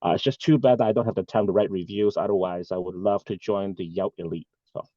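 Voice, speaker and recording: Guy in his 40s, low mellow voice, earnest and a bit rambly, dull dry call audio. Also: steady tone, fast talker, no room sound. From Hong Kong. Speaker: guest, bank executive. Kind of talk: casual interview talk.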